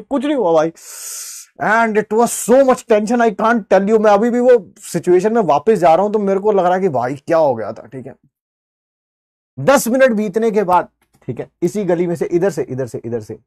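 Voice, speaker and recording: A man in his forties, a teacher, telling a childhood anecdote in an animated way. He keeps checking in with "ठीक है" and slips English phrases into his talk. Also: high voice, dry recording, clean studio sound. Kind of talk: anecdotal storytelling to students.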